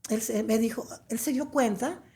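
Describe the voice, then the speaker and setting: A woman from Venezuela, telling her story in an interview; she hesitates with many fillers and restarts, then turns lively and emphatic. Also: a little high, normal speed. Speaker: interview guest. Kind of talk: conversational storytelling.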